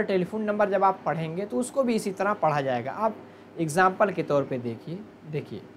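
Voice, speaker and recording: Woman teacher, lowish voice, patient step-by-step explaining, faint background noise. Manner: explaining step by step, asking and answering her own questions. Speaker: Arabic teacher. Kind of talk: online grammar lesson.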